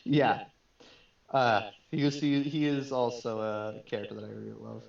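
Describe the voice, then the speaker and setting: A young man chatting casually on a podcast, halting with many fillers. The recording is dull and picked up from a distance. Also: medium pitch, steady tone, vocal fry. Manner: hesitant, halting, filler-heavy. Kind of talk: casual chat.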